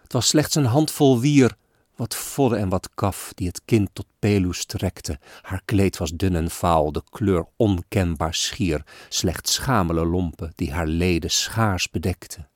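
Give me a man reciting verse slowly and solemnly in a low voice. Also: no room sound, clean studio sound. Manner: slow, solemn and expressive with old-fashioned verse. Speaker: reader. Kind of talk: dramatic poetry recitation.

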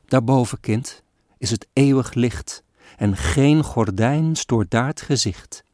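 A man's voice: medium pitch, slow pace, a little mellow, no echo, clean studio sound, pitched above the performer's own voice, close to an everyday voice. A man voicing a poor, sorrowful father who speaks tenderly to his sick child in a storybook poem. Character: poor, grieving father, gentle and worried.

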